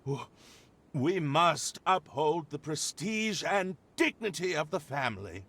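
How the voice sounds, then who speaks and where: A pompous trapped aristocrat. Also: male voice, on the high side, lively intonation, slow, fairly bright tone, heavily acted. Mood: pleading. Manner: pompous and formal, turning to flustered pleading. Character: stuck, stiff-mannered young aristocrat man. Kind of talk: game voice acting.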